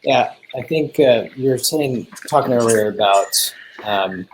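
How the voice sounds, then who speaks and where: A man's voice: medium pitch, measured pace, a little hiss or hum, poor audio. A man co-presenting a business webinar, talking casually and hesitantly with many ums and restarts.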